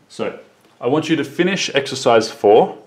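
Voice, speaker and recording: Male teacher, recorded kids' English lesson, unhurried, mid-pitched, drills model sentences. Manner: slow and deliberate, repeating model sentences.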